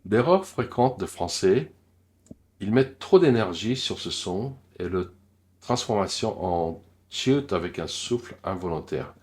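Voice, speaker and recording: A man's voice: sits low, expressive, a little mellow. A man from Korea with a Korean accent, giving a careful pronunciation lesson. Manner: slow, careful demonstrations with many pauses. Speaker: language teacher.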